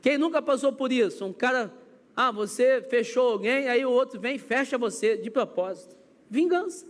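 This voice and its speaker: A man's voice: very high-pitched, expressive, moderate pace. A Brazilian man preaching as a pastor, acting out everyday scenes with quoted voices in a church. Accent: Brazilian Portuguese. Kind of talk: sermon. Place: church sanctuary. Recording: long church hall reverb.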